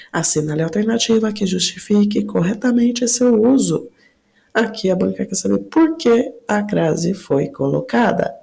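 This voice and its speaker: A Brazilian woman teacher slowly working through grammar exam questions, stressing key words as she explains each answer. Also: medium pitch, vocal fry, warm tone. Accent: Brazilian Portuguese. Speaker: Portuguese teacher. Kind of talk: exam prep lesson.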